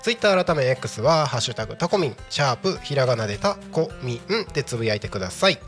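A man's voice: mid-range voice, sing-song, fast, fairly bright tone, faint music behind. A man hosting a live community radio show in polite, apologetic announcer patter. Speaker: radio host.

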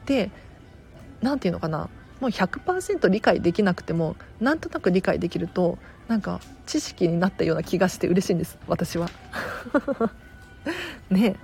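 A woman who works as a tidying consultant, chatting casually and warmly on her own audio stream, answering listener comments with loose, filler-filled talk. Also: on the low side, sing-song, moderate pace, creaky, soft background music. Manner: friendly and chatty, warmly thanking listeners by name; loose conversational delivery with fillers and self-corrections.

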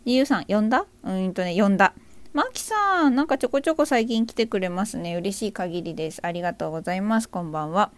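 A woman's voice: medium pitch, animated, quick pace, dry recording. A woman hosting a casual live audio stream, greeting listeners by name, reading their comments aloud and joking about herself. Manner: bubbly, self-deprecating, greets listeners by name. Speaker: livestream host.

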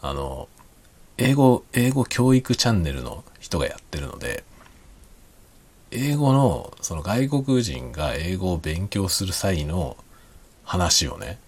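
Very deep, husky-voiced man chatting quietly. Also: sing-song, slow. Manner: soft, rambling, self-deprecating, chuckles often; speaks quietly while drinking. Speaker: podcast host. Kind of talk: late-night quiet solo chat.

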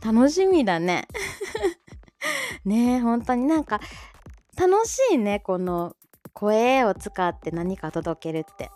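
A woman hosts a short, casual audio livestream, chatting, making announcements and reacting to listeners in a bubbly, giggly way; she belongs to an amateur voice-drama club. Her voice is on the high side and very animated, and she goes slowly with long pauses. Soft music plays beneath her.

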